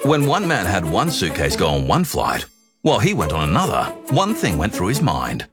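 A man's voice: sits low, wildly swooping pitch, moderate pace, loud music behind the voice. A man narrating a scripted advertisement in a storytelling style. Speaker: commercial announcer.

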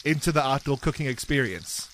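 Running a breakfast radio game, this South African host keeps things upbeat with chirpy, teasing, quick-fire patter. He sounds animated, with a mid-range, fairly bright voice, though the recording is rough with slight background noise.

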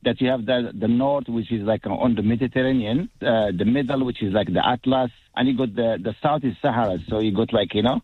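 A man's voice: medium pitch, a little fast, hardly any pauses, slightly rough, no echo. A man from Morocco, calling in to a radio show by phone and talking in a hesitant way, with many fillers. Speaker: radio caller. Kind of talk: casual phone chat. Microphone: phone line. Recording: dull lo-fi phone line.

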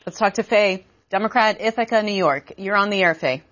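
Smooth radio host lady taking callers, bit muffled broadcast sound. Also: medium pitch, a little fast, a bit bright. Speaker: call-in radio show host. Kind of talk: introducing callers on air.

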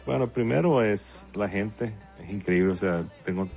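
A man's voice: lowish voice, normal speed, gravelly, a little mellow. A man from El Salvador, talking as a guest songwriter in a casual interview, hesitant with many fillers and restarts. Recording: dull lo-fi with faint music.

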